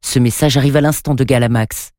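A man voicing a calm, reassuring professor in a storybook. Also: mid-range voice, fairly quick, no room sound, studio quality, close to an everyday voice. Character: kindly older male professor, calm.

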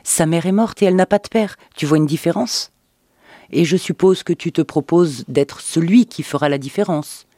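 A man voicing a bitter, furious wife in an audiobook, with a sarcastic, shouting delivery. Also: fairly high pitch, moderate pace, no room sound, studio quality, lightly acted. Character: bitter, furious wife, woman in her thirties. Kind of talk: dramatic audiobook reading.

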